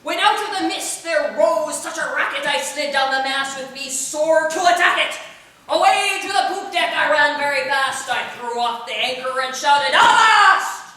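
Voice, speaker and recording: A woman's voice: high-pitched, moderate pace, pushed and bright. A woman playing a jolly old male pirate sea dog, telling a story live in character with hearty growls and frequent chuckles, recorded in a theatre hall. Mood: storytelling. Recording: echoey hall from far off.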